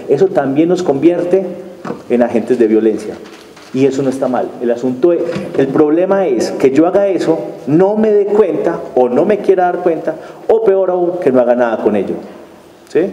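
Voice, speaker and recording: Dark-voiced man lecturing in a hall. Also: medium pitch. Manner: engaging, asks the audience rhetorical questions with a frequent tag question. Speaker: conference speaker. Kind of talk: conference lecture. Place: conference hall. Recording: echoey hall, faint background noise.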